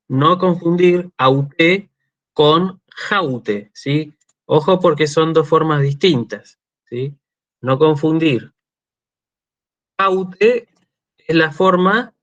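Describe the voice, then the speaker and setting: A man giving an online university lecture, slow and deliberate, checking in often with his students. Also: a little high, dull audio. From Argentina. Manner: slow, checks in with frequent "¿sí?" and "este" fillers. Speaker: university lecturer in Greek language and culture.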